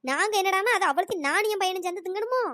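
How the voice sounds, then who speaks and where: A woman voicing a sharp-tongued old mother-in-law in a cartoon, scolding and sarcastic. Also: very high-pitched, animated, rapid-fire. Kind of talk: cartoon dialogue with pitch-raised voice.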